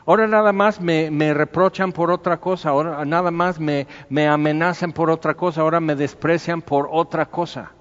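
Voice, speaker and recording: A man with a Mexican Spanish accent preaching a conversational sermon, acting out little dialogues and swinging from hushed to loud. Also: a little high, fairly even intonation, normal speed, few pauses, big-room sound, lo-fi sound. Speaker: pastor.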